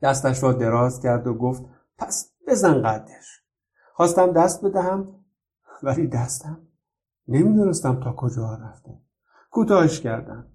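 A man from Iran, a children's author, gently reading his own storybook aloud. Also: medium pitch, lively intonation.

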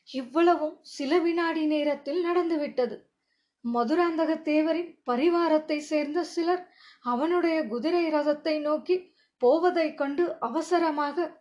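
Woman audiobook narrator, high voice, measured and clear, lo-fi sound. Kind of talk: scripted story narration. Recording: dull lo-fi audio.

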